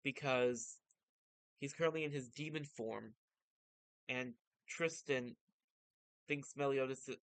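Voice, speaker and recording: A man's voice: medium pitch, takes it slowly, pauses often, smooth, dry recording. A man narrating and commenting on a story in a casual, informal way, like an enthusiastic fan. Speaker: vtuber reading and commenting on manga.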